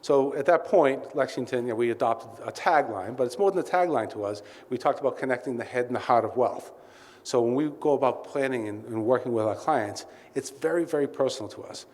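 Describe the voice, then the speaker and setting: A man's voice: medium pitch, a little fast, darkish tone. A man giving a welcome speech as CEO at a client event, telling candid anecdotes with many asides. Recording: reverberant hall with faint ambient noise.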